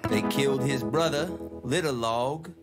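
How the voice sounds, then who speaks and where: A man voicing a grizzled old male saloon keeper who slowly and solemnly narrates a western story. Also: mid-range voice, over loud music, close to an everyday voice. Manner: slow, solemn storyteller drawl.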